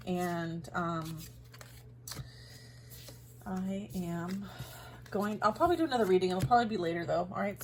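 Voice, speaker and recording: A woman's voice: medium pitch, fairly bright tone, slight background noise. A woman giving a casual, rambling tarot reading directly to her listeners, talking with many fillers and often laughing at herself. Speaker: tarot reader.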